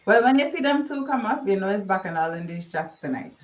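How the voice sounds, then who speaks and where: A woman co-hosting a podcast, animated and exclamatory in casual chat. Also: medium pitch, fast talker, distant mic, highs cut off, a little hiss or hum. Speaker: podcast co-host.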